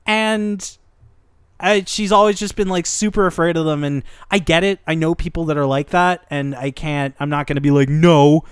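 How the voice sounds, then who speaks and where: A man's voice: fairly high pitch, moderate pace, a bit bright, smooth, no room sound, studio quality. A man co-hosting a casual anime discussion podcast, enthusiastic and swearing freely. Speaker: podcast co-host.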